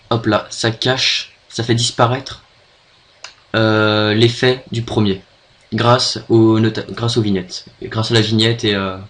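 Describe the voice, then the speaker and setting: A young French man with a French accent giving a hesitant, filler-heavy screen-recorded software tutorial at his computer. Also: on the low side. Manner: hesitant, many fillers and restarts. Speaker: video tutorial maker.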